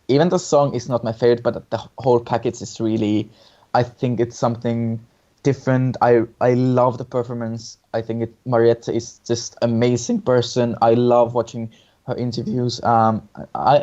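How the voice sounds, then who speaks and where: This man's voice is medium-pitched and a little mellow. As a co-host on a casual chat reviewing song contest entries, he offers his opinions hesitantly and often repeats his words. The recording has a dull, lo-fi sound.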